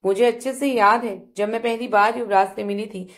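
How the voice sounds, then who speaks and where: A woman playing a sharp-tempered young wife. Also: a little high, steady tone, fairly quick, natural voice. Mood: remorseful. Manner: scolding, harsh commands.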